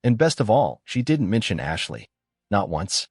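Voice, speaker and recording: A man narrating a first-person story in a calm, measured, scripted way. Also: fairly low pitch, slightly rough, no room sound, studio quality.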